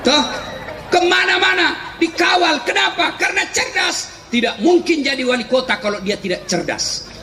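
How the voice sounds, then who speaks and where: A middle-aged man preaching a comic sermon, animated, often shouting and laughing through his punchlines. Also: very high voice, moderate pace. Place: large hall with a live audience. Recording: echoey hall, faint crowd and noise.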